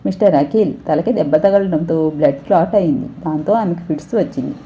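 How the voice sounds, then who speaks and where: A woman reading the lines of a female hospital doctor, measured and explanatory. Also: fairly low pitch, warm tone, natural voice. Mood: calm.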